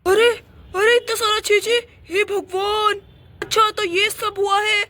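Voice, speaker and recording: A woman's voice: extremely high pitch, flat delivery, measured pace, sharp tone, exaggerated voice. Woman voicing a flustered henpecked dad. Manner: pleading, apologetic. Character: flustered apologetic father, henpecked husband. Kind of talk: doll play-acting.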